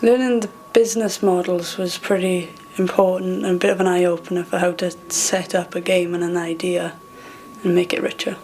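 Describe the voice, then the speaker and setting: A woman in her twenties answers interview questions fluently and with composure. Her tone stays fairly flat, and faint ambience can be heard behind her. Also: on the low side, normal speed, slight background noise. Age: 20s. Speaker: graphics designer, interviewee.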